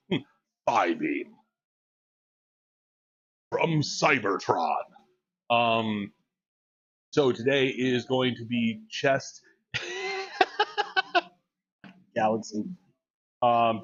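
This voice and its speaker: A man in his forties chatting casually on a live stream, joking and reading chat aloud. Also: mid-range voice. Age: 40s. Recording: dull lo-fi mic.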